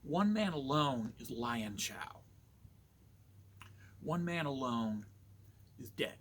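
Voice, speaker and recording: A man from Canada talking in a slow, measured, somewhat preachy monologue. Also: medium pitch, expressive, fairly bright tone, slight background noise. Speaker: vlogger.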